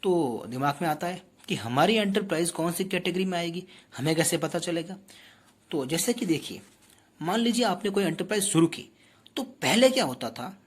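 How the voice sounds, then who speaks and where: Male tutor with a slightly husky voice, explaining patiently and quizzing the class. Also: sits high, animated, moderate pace. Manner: explanatory, addresses students directly with rhetorical questions. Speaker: teacher. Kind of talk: exam-prep lecture.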